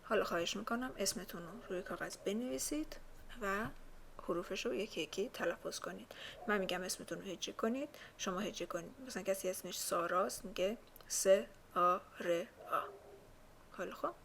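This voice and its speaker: A woman teaching a language lesson slowly, saying each word twice for learners to copy. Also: medium pitch, gravelly, fairly bright tone, slight background noise. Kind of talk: spoken lesson.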